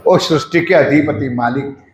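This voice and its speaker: A man giving a devotional sermon, putting questions to his listeners and chanting mantras slowly. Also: a little high, a little hiss or hum. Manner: addresses the audience directly with questions. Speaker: preacher. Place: ashram hall. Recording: echoey hall.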